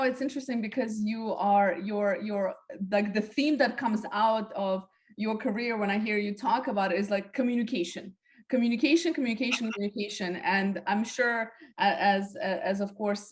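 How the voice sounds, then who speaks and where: A woman hosting a podcast interview, talking in a friendly way with lots of fillers. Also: medium pitch. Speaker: podcast host.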